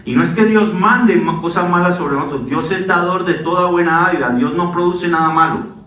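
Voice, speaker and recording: A middle-aged man preaching a sermon as pastor, animated and swinging down to a hush. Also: high voice, moderate pace, recorded from a distance. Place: church. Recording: echoey church hall, voice from the mic.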